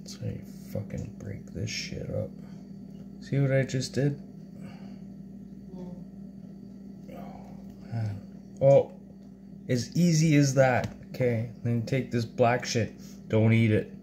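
A man's voice: medium pitch, sing-song, slow pace, creaky, pauses often. A man in his thirties cooking in a small home kitchen, swearing and muttering to himself while he works. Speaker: home cook vlogger. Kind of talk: casual cooking vlog. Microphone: phone camera propped on the counter. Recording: loud background noise.

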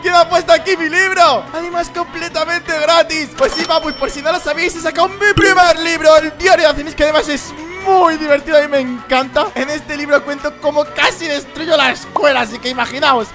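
A man with a Spain Spanish accent giving excitable gameplay commentary, often shouting, as a gaming YouTuber. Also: very high voice, brisk, hardly any pauses. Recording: game music clearly underneath.

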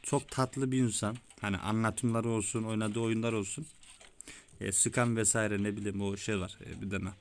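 A young man giving casual, excitable gameplay commentary, swearing often and talking like a buddy, his voice a bit rough. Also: fairly low pitch, normal speed, slight background noise. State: sweaty, voice gone a bit rough. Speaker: gaming YouTuber. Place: small room with window closed.

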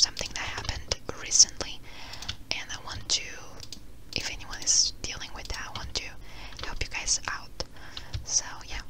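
A video host speaking in a breathy close-up whisper, rambling reassuringly in a casual ASMR gaming chat, with keyboard typing behind. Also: low-quality recording. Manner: rambling, reassuring advice-giving. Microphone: close-up microphone.

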